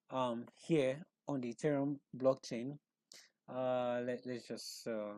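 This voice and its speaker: A man talks viewers through an on-screen walkthrough in a mellow, relaxed tone, recorded close and dry. He stops and restarts often, repeating words as he hunts for the next phrase. He checks in with rhetorical questions as he explains. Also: mid-range voice, no echo. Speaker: presenter of an online explainer.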